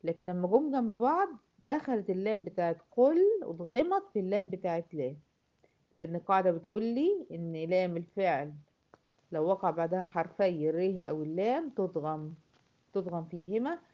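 Egyptian woman as recitation teacher, patient, repeats examples, fairly low voice, muffled lo-fi recording. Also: lively intonation. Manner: patient, asks and answers her own questions, repeats examples slowly. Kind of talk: classroom lesson. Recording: dull lo-fi recording.

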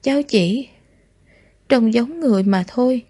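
A woman voicing a gentle young male mushroom monster in human form who is dying, speaking in a weak, breathless near-whisper. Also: fairly high pitch, a little slow, slightly rough, no room sound, clean studio sound. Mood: weak, tender.

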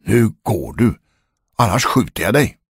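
A man voicing a stern, wealthy gentleman who orders his servants about, in a spoken ghost story. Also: on the low side, big pitch swings, breathy edge, dry recording, clean studio sound, heavily acted. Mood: commanding. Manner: curt, commanding. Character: stern rich gentleman, master of the house.

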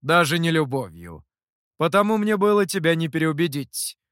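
A man voicing a calm, cunning male master and mentor in an audiobook, speaking in a dry, measured, wry way. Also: on the high side, clear, resonant tone, no room sound. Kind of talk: audiobook character voice.

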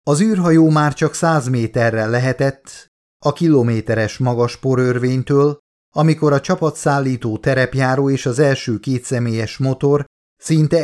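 A man reading his own audiobook aloud as narrator, in an even, measured storytelling voice. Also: medium pitch. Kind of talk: scripted narration.

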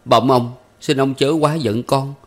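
A man's voice: medium pitch, steady tone, a little slow, pitched above the performer's own voice, close to an everyday voice. A man voicing an anxious young man who humbly pleads with his elders. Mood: pleading.

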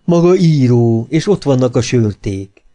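A coquettish young actress from a storybook, lingering over every word in a mellow, darkish voice, as a man reads her part. She is playful and teasing, and she draws out her phrases slowly. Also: mid-range voice, lively intonation, lightly acted.

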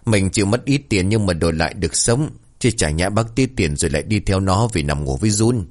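A man's voice: low-pitched, lively intonation, fairly quick. A man voicing a sly young village man who teases and jokes. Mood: teasing. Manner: teasing.

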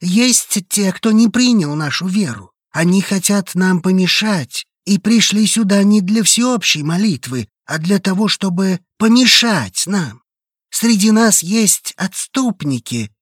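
A man voicing a hoarse booming cult preacher. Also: lively intonation, slow, no room sound, clean studio sound, heavily acted. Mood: accusing. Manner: solemn, booming sermon delivery. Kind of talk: audiobook character voice.

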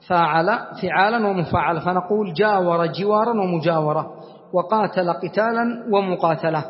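A man teaching a class as a sheikh, explaining grammar deliberately, repeating key words and quizzing his students. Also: sits high. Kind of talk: classroom lesson on Arabic grammar. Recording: dull lo-fi sound with long reverb.

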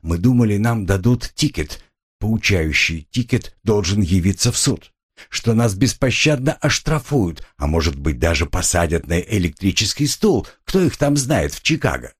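A man narrating a travel book in a dramatic, expressive storytelling manner. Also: on the low side, normal speed, breathy edge.

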